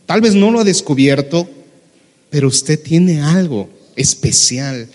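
A man, a pastor preaching a sermon, lively and humorous, acting out the people in his Bible stories. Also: on the high side, takes it slowly, long reverb tail. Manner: animated, acts out Bible characters with humor.

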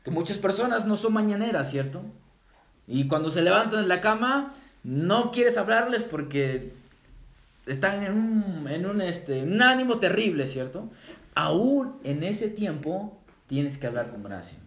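Male pastor, preaching emphatically with a slightly high voice, recorded in a roomy space. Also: big pitch swings, unhurried, fairly bright tone. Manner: emphatic preaching, repeats key phrases, asks the congregation "right?". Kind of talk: sermon. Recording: roomy, dull lo-fi sound.

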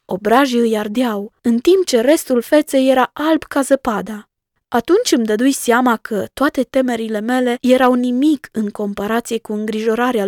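A woman narrating a first-person children's story in a gentle, measured way. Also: on the high side, no room sound, clean studio sound. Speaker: storybook reader.

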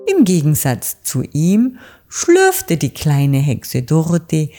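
A woman reading a children's story aloud in a calm, measured storytelling voice. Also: low-pitched, faint music behind.

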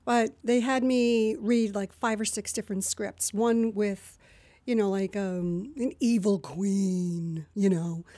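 A woman's voice: medium pitch, steady tone, a little slow, warm tone, no room sound. A woman from New Jersey, a voiceover artist chatting as an interview guest in a rambling way, full of asides. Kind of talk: casual interview chat.

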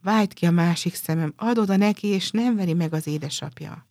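A woman voicing a generous, sorrowful statue prince who gives everything away, in a gentle storybook telling. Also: lowish voice, dry recording, studio quality, lightly acted.

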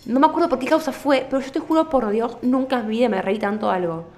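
A young woman from Argentina with a Rioplatense accent, co-hosting a podcast in casual chat, animated and giggling in amused disbelief. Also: fairly high pitch, fast talker. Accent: Rioplatense Spanish. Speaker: podcast co-host.

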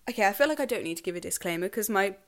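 A woman's voice: mid-range voice, lively intonation, very fast. A young woman, a university student co-hosting a podcast, rambling through a story with lots of laughter. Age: young adult. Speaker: podcast co-host. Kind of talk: casual chat.

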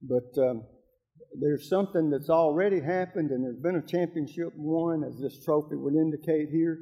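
A man with an American accent and a slightly high, mellow voice. He hosts a sports talk show conversationally, in a folksy manner that speaks directly to listeners. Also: moderate pace. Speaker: host of a local high school sports show.

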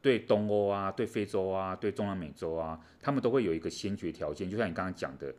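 A man's voice: low voice, quick pace, a little mellow. A man co-hosting a casual chat on world affairs, explaining things animatedly with many fillers. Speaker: co-host.

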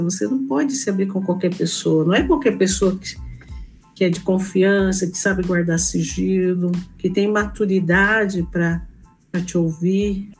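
A woman's voice: mid-range voice, a little mellow. Earnest Brazilian woman preaching. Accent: Brazilian Portuguese. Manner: earnest, exhorting, asks the listeners questions. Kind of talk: conversational sermon.

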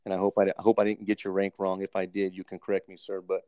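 A man's voice: low-pitched, completely flat delivery, fast talker, no echo, dull audio. A man hosting a podcast interview, polite and formal, with many ums, calling his guest sir. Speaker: host, military doctoral student interviewer. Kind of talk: casual interview, recorded podcast segment.

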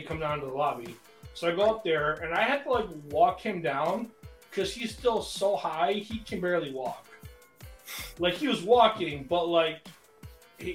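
Man, rambling, filler-heavy, fairly high voice, casual chat, echoey room, faint music. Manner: rambling, animated, many fillers. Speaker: podcast co-host.

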